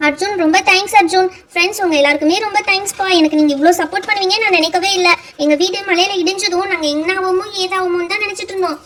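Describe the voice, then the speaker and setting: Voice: very high-pitched, steady tone, rapid-fire, few pauses, a crowd in the background. A performer voicing a grateful young girl doll in a doll pretend-play show, earnest and thankful.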